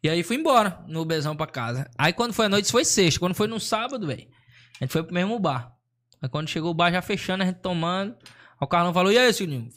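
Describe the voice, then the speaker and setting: Fast-talking comedian spinning a story. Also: male voice, sits high. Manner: slangy, animated, acts out quotes. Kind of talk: casual storytelling chat.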